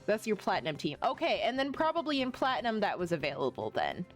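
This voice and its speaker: A woman's voice: medium pitch, huge pitch swings, quick pace, faint music behind. A woman streaming a game, chatting casually, rambling and often gushing as she plays. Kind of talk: casual live-stream chat while playing.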